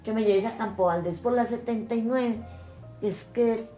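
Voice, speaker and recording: A woman's voice: fairly high pitch, normal speed, dark tone, faint music behind. An older woman with a Colombian Paisa accent giving an emotional oral history testimony, acting out the voices of the people in her story. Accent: Colombian Paisa Spanish. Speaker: interviewee.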